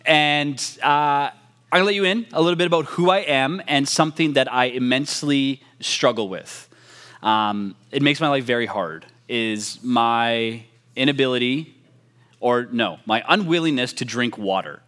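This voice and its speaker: A man's voice: mid-range voice, normal speed, a bit bright, smooth. A young man, a youth pastor, opening a sermon with a chatty, self-mocking story full of fillers.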